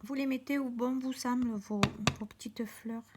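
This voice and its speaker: Working at her craft table, a woman gives a friendly, step-by-step card-making lesson with a few small restarts. She speaks at a normal speed in a slightly high, steady, somewhat mellow voice, and there's a little hiss or hum.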